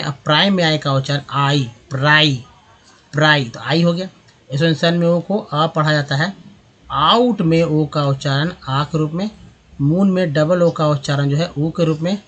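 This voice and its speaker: A man teaching English pronunciation in Hindi, spelling out words letter by letter and repeating vowel sounds slowly while checking in with viewers. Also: a little high, a bit bright. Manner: addresses viewers as friends, checks understanding with tag questions. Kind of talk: explaining pronunciation with examples.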